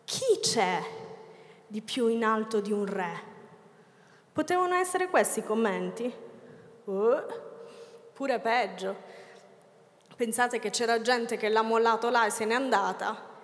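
A woman pastor with a Milan Italian accent giving a lively, teasing sermon to her congregation in a theatre hall. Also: a little high, unhurried, long pauses. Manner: playful, teasing the congregation, acts out voices of doubters. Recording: reverberant hall, live.

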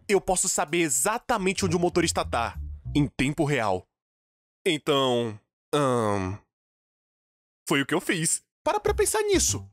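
A man with a Brazilian accent and a high-sitting voice narrates a comedic scripted story, exaggerated, dramatic and full of slang. He's a storytime animation narrator dubbing in Portuguese, recorded with no echo.

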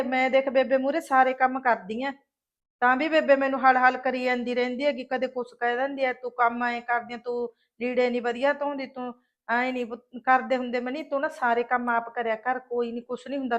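A woman's voice: high-pitched, lo-fi sound, close to an everyday voice. A woman with a Malwai Punjabi accent playing a chatty, earnest young village daughter-in-law in a comic skit.

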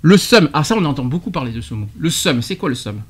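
Animateur radio enjoué à la voix un peu haute. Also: male voice, a little high, very animated, fast, slightly rough. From France. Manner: quizzing, explaining slang terms with laughs. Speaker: radio show host. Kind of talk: radio debate segment.

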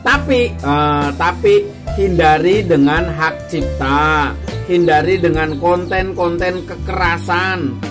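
Over background music, a man with a fairly high voice speaks slowly in a casual vlog, giving tips to beginner YouTubers. He jokes, repeats his phrases, and calls his viewers bro, guys, ma'am, and sir.

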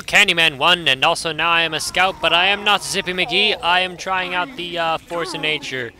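A young man casually commentating his own gameplay, excitable and swearing, yelping out loud as things happen. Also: a little high. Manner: excitable, swearing, yelps and reacts loudly.

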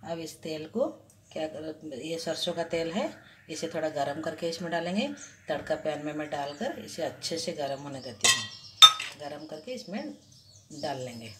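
Speaking off-camera above the stove, a low-voiced cooking vlogger walks through a home recipe step by step with expressive delivery. She explains slowly and patiently, often pausing and starting over while she works, and sizzling and frying fill the noisy kitchen.

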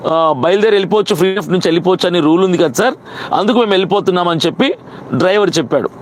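A man who is a pastor, telling the story of his arrest in a heated, fast retelling and acting out both sides of the exchange. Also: sits high, a little hiss or hum. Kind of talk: recounting an arrest to camera.

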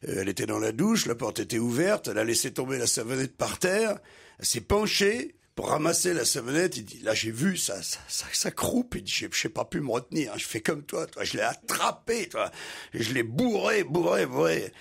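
Homme à la voix éraillée qui raconte des blagues. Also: male voice, medium pitch, very animated, moderate pace, vocal fry, a bit bright, slightly rough. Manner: loose, rambling delivery with many hesitations. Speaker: radio joke teller. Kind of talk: telling bawdy jokes.

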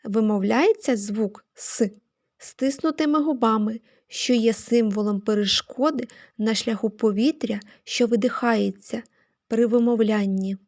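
A woman teacher giving a phonics lesson to young children, slow and careful, stressing each sound she names. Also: fairly high pitch, a little mellow.

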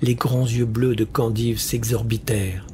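A man narrating a fantasy story for an audiobook in a measured, deliberate way. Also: mid-range voice, fairly even intonation, a little mellow, a little hiss or hum.

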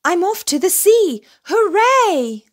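A woman voicing an excited, impatient little bear cub in a storybook, squealing and eager. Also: very high voice, slow pace, voice pushed up, exaggerated voice.

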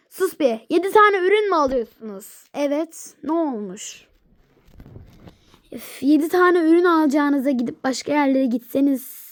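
A woman with a very high voice performs every toy character in a homemade skit, letting them bicker stubbornly back and forth. She speaks slowly and draws out her lines. The recording is dry and close, with no room sound. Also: no room sound.

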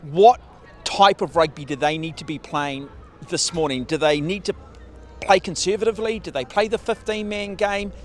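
A man's voice: sits high, moderate pace. A middle-aged man presenting rugby coverage outdoors on the field, upbeat and punchy, with a handheld mic. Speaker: sports presenter. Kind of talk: broadcast presenting and interviewing. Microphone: handheld reporter mic.

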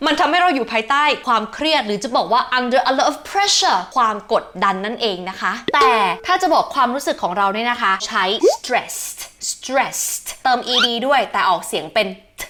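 A woman's voice: high-pitched, pushed and bright. A young woman hosting an upbeat English lesson, acting out stressed example lines along the way. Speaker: English teacher and host. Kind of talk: bright scripted English lesson. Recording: music bed under the voice.

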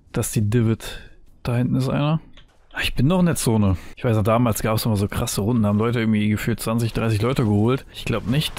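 Excitable young man with a gravelly voice. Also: medium pitch, slight background noise. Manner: excitable, nostalgic, youthful slang. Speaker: gaming streamer. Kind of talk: excited gameplay commentary.

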